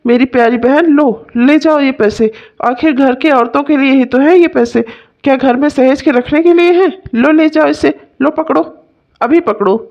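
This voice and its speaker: A woman's voice: high voice, normal speed, darkish tone, muffled recording. A woman voicing a generous, protective elder brother-in-law in a cartoon, speaking in a coaxing, affectionate way. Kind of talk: cartoon voice acting.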